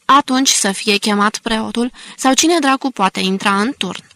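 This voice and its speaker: A woman's voice: on the high side, sharp tone, no room sound. A woman reading the lines of a distraught young husband, pleading and urgent, in an audiobook. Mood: desperate.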